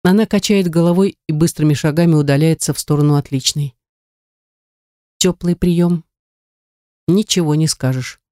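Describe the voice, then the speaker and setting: An audiobook reader telling a first-person story in a measured, wry way, into a close mic. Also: mid-range voice, darkish tone, no echo.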